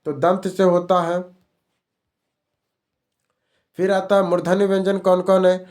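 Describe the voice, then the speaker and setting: A man's voice: high voice, flat delivery, measured pace, a little mellow. A male teacher running an exam-prep grammar lesson, repeating each question and answer as a drill.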